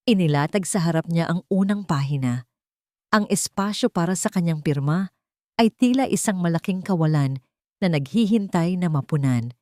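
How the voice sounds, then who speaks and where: A woman with a Filipino accent narrates a scripted dramatic story in a fairly low-pitched, slightly mellow voice. The studio-quality recording has no echo.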